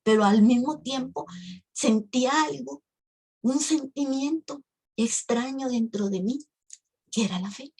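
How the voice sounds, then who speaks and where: This Costa Rican woman in her 50s, speaking at a women's ministry, shares a religious testimony as emotional storytelling and refers to the audience as sisters. Her high, husky voice has a darkish tone, moving a little slowly with frequent pauses.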